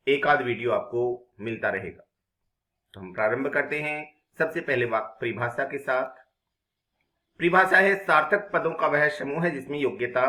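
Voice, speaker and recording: A man's voice: mid-range voice, sharp tone, reverberant. A man teaching an exam-prep grammar lesson, explaining step by step and asking and answering his own questions. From India.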